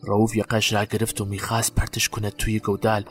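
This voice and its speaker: An actor playing a guilt-haunted man recalling a night burial, in a halting, haunted way. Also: lowish voice, monotone, a bit bright, soft background music, close to an everyday voice. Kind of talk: audio drama acting.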